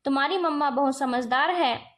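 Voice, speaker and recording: A woman's voice: sits high, normal speed, close to an everyday voice. Woman voicing a short-tempered husband. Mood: gentle, explaining. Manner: stern then gently explaining. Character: short-tempered husband and father, middle-aged man.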